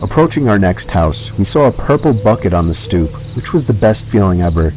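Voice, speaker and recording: A man with a fairly low voice tells a first-person horror story in an unhurried, measured way. Quiet music plays faintly under his narration. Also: big pitch swings, rough recording.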